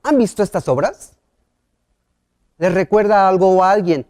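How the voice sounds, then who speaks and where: A man teaching a televised school lesson, speaking clearly and asking the class questions. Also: high-pitched, expressive, measured pace, darkish tone.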